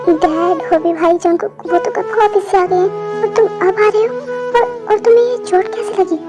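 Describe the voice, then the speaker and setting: A woman's voice: very high-pitched, steady tone, normal speed, over music, rough recording. A woman voicing an anxious young wife in a fan dub, stammering with worry. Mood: worried. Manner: stammering, worried repetitions.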